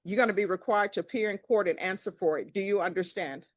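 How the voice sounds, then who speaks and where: Woman judge, firm and measured, lecturing from the bench. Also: mid-range voice. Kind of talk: courtroom proceedings. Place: courtroom.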